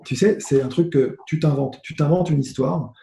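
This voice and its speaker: Guy on a call telling his story, dark mellow voice, echoey room, curses a lot. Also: fairly high pitch, normal speed, gravelly. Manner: animated, swearing, many restarts. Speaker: guest, former tennis player. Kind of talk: casual storytelling. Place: home with noise nearby. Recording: roomy echo.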